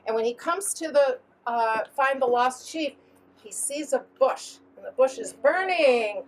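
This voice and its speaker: A woman telling a story to children at a family gathering at home, in a playful, animated way with dramatic swings in pitch. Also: measured pace, slight background noise, low-quality recording. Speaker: storyteller at a family Passover seder.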